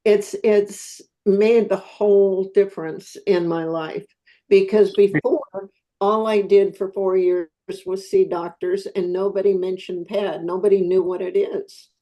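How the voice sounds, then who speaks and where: A woman in her seventies, a support group member, sharing her experience in a slow, heartfelt way over a video call. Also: medium pitch, fairly even intonation, mellow, poor audio. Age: 70s.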